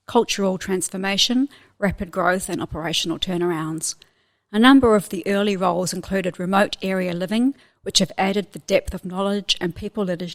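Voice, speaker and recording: This is a woman hosting a podcast. She reads an introduction at a mid pitch, steady and friendly, with a light joking touch. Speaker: podcast host. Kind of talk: reading a guest introduction.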